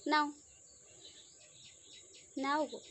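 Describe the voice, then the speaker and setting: A woman's voice: drawn-out words, noisy background. A woman talking sing-song baby talk to her pet, coaxing it and repeating her words. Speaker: pet owner filming her pet.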